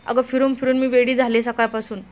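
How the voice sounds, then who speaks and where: A woman's voice: a little high, little pitch movement, quick pace, darkish tone, muffled recording, natural voice. A chatty gossipy young friend, read by a woman.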